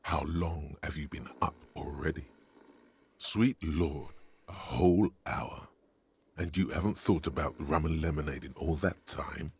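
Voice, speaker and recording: Super deep gravelly husky narrator in a game, wry and slow. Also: male voice, full character voice.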